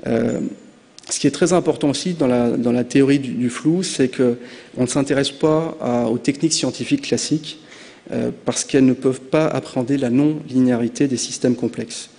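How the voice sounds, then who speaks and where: A man's voice: mid-range voice, moderate pace, gravelly, mellow. Man presenting in a reverberant hall. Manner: hesitant, frequent "euh" fillers. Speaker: conference speaker. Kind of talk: conference presentation. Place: conference hall.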